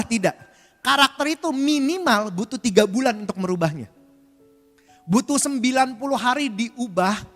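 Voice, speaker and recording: High-voiced man preaching in a church hall. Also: fairly bright tone. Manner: conversational preaching, frequent filler tags, addresses the congregation. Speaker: pastor. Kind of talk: sermon. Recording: church hall reverb with faint music.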